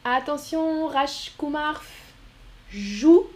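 A woman's voice: sits high, extremely slow, a little mellow. A woman teaching a live online French lesson, spelling words letter by letter and praising students by name. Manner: encouraging, calls out students by name.

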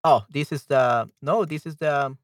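Speaking unhurriedly in a voice on the high side, a man running a livestream muses out loud about his audio setup, casual and a bit hesitant. He's close to the microphone, and the recording is dry.

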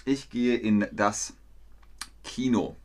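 A man teaching a language lesson on a live stream, speaking slowly and clearly, repeating simple phrases and acting out short dialogues. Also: lowish voice, fairly even intonation. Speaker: German teacher streaming online.

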